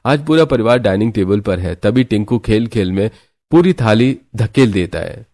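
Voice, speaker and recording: A man narrating a scripted family story in a steady storytelling manner. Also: on the low side, normal speed.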